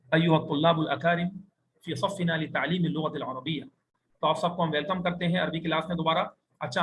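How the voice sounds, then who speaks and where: High-voiced man teaching a language class. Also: fairly bright tone, a little hiss or hum. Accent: Pakistani Urdu. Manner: slow, drawn-out modeling of words for students to repeat. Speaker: Arabic teacher.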